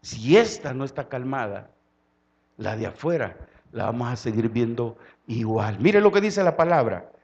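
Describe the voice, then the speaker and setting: A man from El Salvador with a Salvadoran Spanish accent, preaching a sermon. He swings from quiet, low-spoken passages to loud, impassioned calls. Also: animated, moderate pace, muffled recording.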